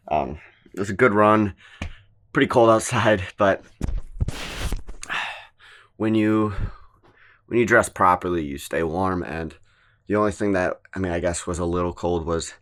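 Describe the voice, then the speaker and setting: Low-voiced man casually vlogging. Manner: relaxed, plain-spoken, thinks aloud with small restarts. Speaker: fitness vlogger. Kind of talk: casual vlog talk to camera.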